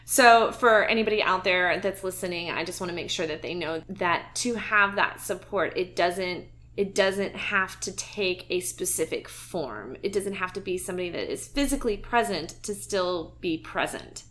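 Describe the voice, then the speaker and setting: A woman's voice: lowish voice, animated, moderate pace, few pauses, a bit bright. A woman hosting a podcast conversation, speaking earnestly and reflectively with a friend. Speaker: podcast host. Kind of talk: casual heartfelt conversation.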